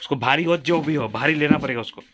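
A man's voice: on the high side, fast, crowd noise. A man filming a home vlog, patiently coaxing his young daughter with the same questions again and again. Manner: coaxing, repeats questions over and over. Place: home, indoors.

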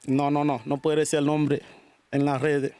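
A man's voice: fairly high pitch, little pitch movement, normal speed, warm tone. A Dominican man with a Dominican Spanish accent, answering interview questions about his spiritual work and calling people mijo. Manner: calls people mijo and mija, repeats blessings. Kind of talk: casual interview.

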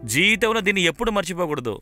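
An actor dubbing a genial boss who presses a gift on a worker, in film dialogue with music behind. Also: male voice, high-pitched, big pitch swings, rapid-fire. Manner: genial, insistent. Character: kindly older boss, generous.

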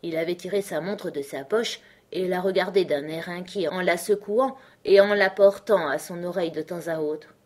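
A woman narrating a storybook in a calm, measured reading voice. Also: lowish voice. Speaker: audiobook reader.

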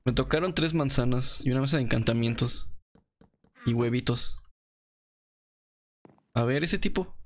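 Excitable young Mexican gamer laughing along. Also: male voice, mid-range voice, measured pace, long pauses. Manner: excitable, laughs often, slangy. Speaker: gaming video creator. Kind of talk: casual gameplay commentary.

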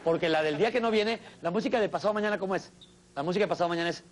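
A male stand-up comedian hosts from a television studio stage before a live audience, delivering his monologue in a high-pitched voice at a very fast pace. His delivery is theatrical and exclamatory, aimed straight at the crowd.

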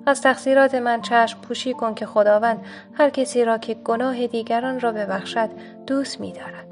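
A woman's voice: on the high side, fairly even intonation, a little mellow, faint music behind, natural voice. A woman voicing a proud wolf stuck in a pit, speaking in a pleading, coaxing way.

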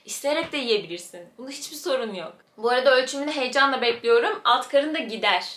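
A young woman in her twenties chatting to the camera in her bedroom, answering viewer comments in a lively, animated way. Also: high-pitched, quick pace, roomy sound. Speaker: fitness vlogger. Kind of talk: casual chat to the camera. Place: small bedroom with shelves, indoors. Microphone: camera in front, head and shoulders framing.

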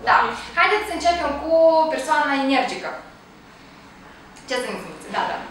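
A woman trainer quizzes her group and sums up their answers in a fairly high voice. She sounds distant from the mic, in a strongly echoing room. A faint hiss sits under her voice. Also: very animated, bright, forceful tone. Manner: prompting, questioning the group. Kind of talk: staff training session.

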